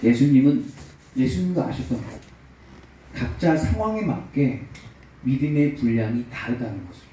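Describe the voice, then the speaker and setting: A man's voice: mid-range voice, expressive, moderate pace, dark tone, heavy reverb, far from the mic, a little hiss or hum, rough recording. A male pastor preaching a sermon, telling a story with acted-out quotes and building to emphatic peaks. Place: church sanctuary.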